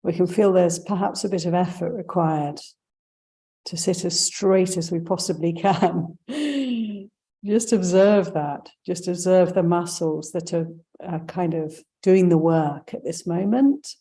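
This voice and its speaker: A woman teacher leads a guided meditation, her voice on the low side. She gives gentle, unhurried instructions broken up by pauses.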